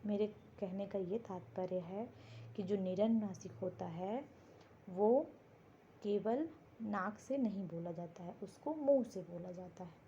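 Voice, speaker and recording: Female teacher, warm mellow tone, walks through a lesson by posing and answering her own questions. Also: medium pitch, muffled recording, slight background noise. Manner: slow, explains step by step, asking and answering her own questions. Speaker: Hindi grammar teacher. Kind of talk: classroom-style exam prep lesson. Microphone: board lesson video, writing while talking.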